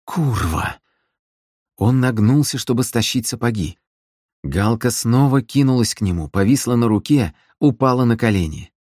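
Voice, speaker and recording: A man narrating an audiobook in a measured, dramatic storytelling manner. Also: medium pitch, expressive, a little mellow, no room sound, studio quality. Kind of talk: scripted narration.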